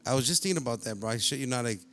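A man's voice: medium pitch, expressive, very fast, a bit bright. A man in casual podcast chat, slangy and profane, switching between English and Spanish.

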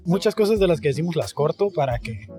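Male podcast host, high-pitched, slangy and casual, faint music underneath. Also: expressive, quick pace, warm tone. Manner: slangy street talk. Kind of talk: casual street interview and banter. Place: outdoors on a street, seated at a podcast setup. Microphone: podcast microphone with headphones.

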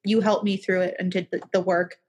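A woman's voice: lowish voice, little pitch movement, brisk, a little mellow, breathy edge. A young woman talking as a podcast guest in a casual chat, reflective and rambling, with many restarts.

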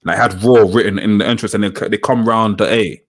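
A man's voice: on the low side, fairly even intonation, fast talker. A man, chatting casually as a co-host and often repeating phrases for emphasis. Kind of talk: casual chat about wrestling on a live show.

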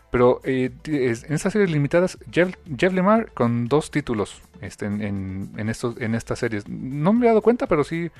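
A man hosting a comics podcast, chatting casually and rambling through filler pauses. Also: mid-range voice, no room sound. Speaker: podcast host. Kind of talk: casual chat.

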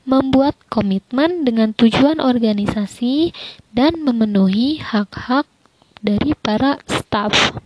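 A young woman, a university student, reading her prepared coursework answers aloud in a measured, careful way. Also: fairly high pitch, darkish tone, no room sound, low-quality recording. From Indonesia. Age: young adult. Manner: measured, careful recitation with occasional slips.

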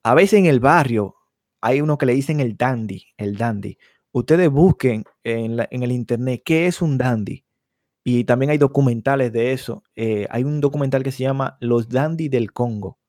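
This podcast co-host rambles through stories in casual chat, repeatedly asking "tú me entiendes" to make sure listeners follow. His voice is medium-pitched and a little mellow, at a normal pace, recorded with studio quality and no echo.

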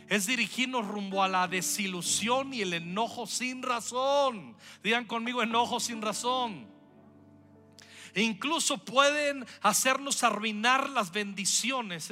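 A man preaching a lively sermon to his congregation. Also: high voice. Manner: lively preaching with acted-out quotes. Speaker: pastor.

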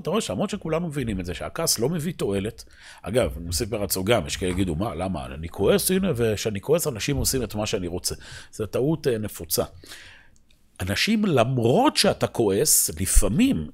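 A man's voice: mid-range voice, husky. A man teaching a religious lesson, asking his listeners rhetorical questions and often restarting his words. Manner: many restarts and repeated words. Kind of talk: Torah lesson.

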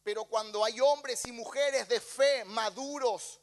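Rioplatense male pastor, impassioned sermon, high voice, long church reverb. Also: fairly even intonation, slow pace. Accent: Rioplatense Spanish. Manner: impassioned preaching, acting out quoted dialogue.

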